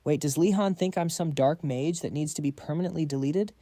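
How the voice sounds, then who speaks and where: A man putting on a drained, sarcastic young student in a storybook recap, grumbling in slangy asides. The tone is mellow and slightly high, recorded dry and close. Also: fairly quick, no echo, natural voice. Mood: exasperated. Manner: exasperated, slangy inner monologue. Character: weary young male student, sarcastic and panicky.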